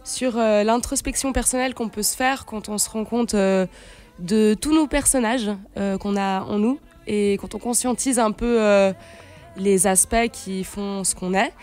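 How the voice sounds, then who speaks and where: Faint music plays as a late-20s singer-songwriter, originally Swiss and in Brazil as a teenager, chats casually in a radio studio, groping for words. Her mid-range voice is a little mellow and a little slow, close on a studio stand mic.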